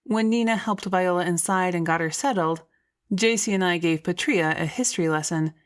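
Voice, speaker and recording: Lower-pitched woman narrating an audiobook. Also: moderate pace. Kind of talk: scripted first-person story narration.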